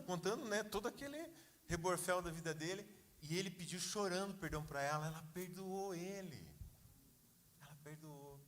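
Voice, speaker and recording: A pastor tells his story from the pulpit in a loose, conversational sermon, with frequent asides to the congregation. His voice sits a bit high for a man. The sound carries the long reverb of a church hall. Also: a bit bright.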